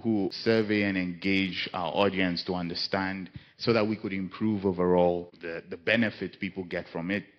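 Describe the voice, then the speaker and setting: Deep-voiced man panelist. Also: muffled recording. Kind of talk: conference panel talk.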